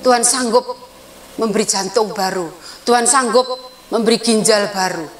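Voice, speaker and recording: A woman's voice: a little high, normal speed, poor audio. A woman evangelist preaching at a prayer service, earnest and storytelling, sharing her own testimony. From Indonesia.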